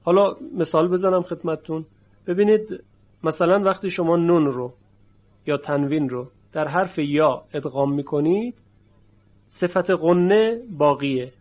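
A man with a somewhat high voice gives a tajwid lesson. He explains patiently and stretches out example words to show each sound clearly. The recording is dull and lo-fi. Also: darkish tone. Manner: explanatory, drawn-out demonstration of sounds. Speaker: Quran recitation teacher.

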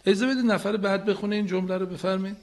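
In a high voice with a steady tone, a man teaches Quran recitation on the radio. He patiently fixes students' errors and models phrases slowly, sometimes chanting them.

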